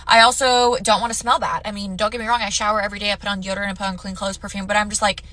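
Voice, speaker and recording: A woman's voice: mid-range voice, level tone, very fast, sharp tone, low-quality recording. A woman vlogging in candid, chatty talk to her viewers, her voice stuffy and congested through the nose. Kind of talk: casual chat to camera.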